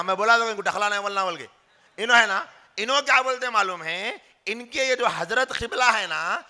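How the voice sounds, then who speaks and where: A man gives an informal religious talk to a group, firing questions at his listeners and answering them himself. His voice sits high and sounds very bright and sharp. A teasing, mocking edge runs through his delivery. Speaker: religious speaker.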